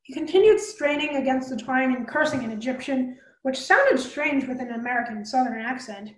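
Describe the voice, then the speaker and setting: A woman reading a fantasy novel aloud as a storyteller, brisk, with small slips and restarts. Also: sits high, expressive, roomy sound, low-quality recording.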